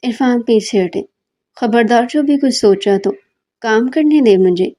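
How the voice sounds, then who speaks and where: A pouting young wife from a romance audiobook, quick to scold and quick to make up, read by a female narrator. The voice is mellow and unforced. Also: a little high, animated, close to an everyday voice. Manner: pouting, pleading.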